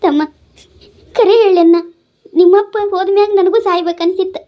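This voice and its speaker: A woman's voice: high-pitched, rapid-fire, dull audio, natural voice. A woman voicing an older widowed village mother who scolds and pleads with her drinking son, in a North Karnataka Kannada accent. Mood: tearful. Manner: nagging, pleading, tearful.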